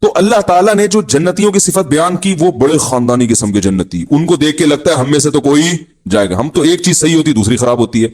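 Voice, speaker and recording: A man's voice: expressive, brisk, few pauses, darkish tone. Humorous male preacher with a Pakistani Urdu accent. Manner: humorous, mimics people in low voices. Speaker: Islamic preacher. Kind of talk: sermon.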